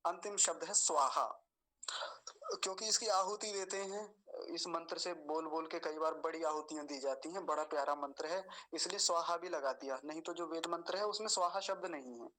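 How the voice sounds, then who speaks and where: Bright-voiced man teaching Sanskrit pronunciation. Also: a little high, low-quality recording. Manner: patient, slow, repeats each syllable. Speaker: Vedic recitation teacher. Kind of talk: pronunciation lesson.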